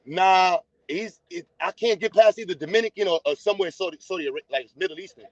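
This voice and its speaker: Fast and blunt, this American livestream host teases his viewers while addressing them directly in a casual stream. His voice sits high and is miked close and dry, without room echo. The overall sound is dull and lo-fi.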